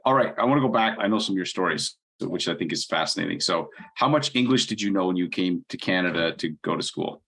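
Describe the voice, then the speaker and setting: A man's voice: sits low, lively intonation, fast talker, vocal fry, hardly any pauses, fairly bright tone, husky. A man hosting a podcast, upbeat and chatty, introducing his guest and a sponsor. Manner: upbeat, chatty, lots of fillers. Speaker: podcast host. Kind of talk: podcast interview. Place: British Columbia.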